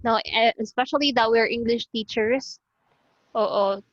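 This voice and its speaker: A woman's voice: fairly high pitch, measured pace, no echo, highs cut off. A woman teacher with a Cebuano Filipino accent giving an online class lecture over a video call. She switches between English and Cebuano and repeats sounds as she explains them.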